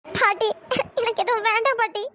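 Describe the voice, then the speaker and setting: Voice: very high-pitched, fairly even intonation, a little fast, pushed and bright, slight background noise. A performer voicing a heartbroken young wife in a cartoon story, crying and pleading to be believed. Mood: despairing. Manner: sobbing, pleading.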